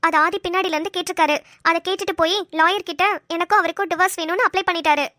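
A woman's voice: extremely high pitch, very fast, no room sound. A woman voicing a chatty young wife who teases and tells stories, close and dry. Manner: chatty, teasing, animated storytelling.

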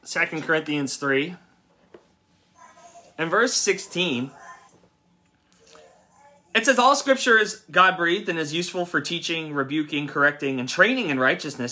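Male preacher in his thirties, bright forceful tone, animated conversational sermon delivery. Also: a little high, moderate pace, pauses often. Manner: animated, conversational, quotes people in lively voices. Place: church service.

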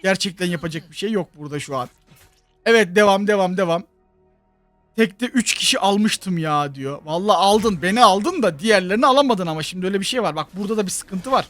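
Host of a gaming channel: a high-pitched man with a Turkish accent, chatty and excitable, with faint music behind him. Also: fast talker, dry recording. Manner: excitable, chatty, bursts into loud shouts. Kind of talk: mobile game commentary.

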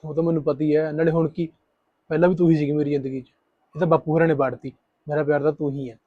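Man acting as callous young husband, quick talker, offhand, tinny dry phone-like sound. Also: a little high, level tone, no echo, natural voice. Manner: offhand, sweet-talking to new wife. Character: callous young husband, dismissive of first wife. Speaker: husband with a second wife.

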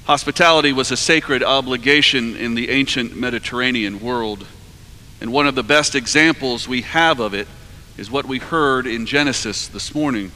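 A man in his forties preaching a sermon from a cathedral lectern, measured and earnest, his phrases trailing off softly at the ends. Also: mid-range voice. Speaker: priest preaching. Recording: long cathedral reverb.

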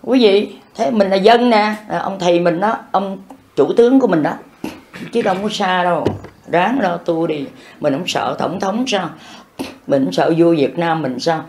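A man's voice: sits high, normal speed, darkish tone. An older man giving an improvised Buddhist dharma talk, folksy and scolding, acting out bits of everyday dialogue. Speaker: Buddhist monk teacher.

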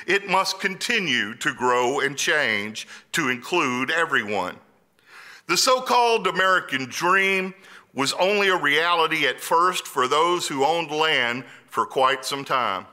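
A man's voice: a little high, sharp tone. A middle-aged man from Louisiana, preaching an earnest sermon that moves from personal storytelling to emphatic appeals.

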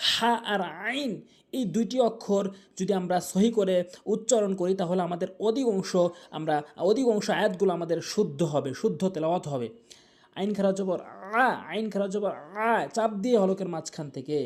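A man teaching Quran pronunciation, chanting verses in long drawn-out tones and then correcting common mistakes in brisk explanations, repeating syllables with stress on throat sounds. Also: high voice, a little mellow.

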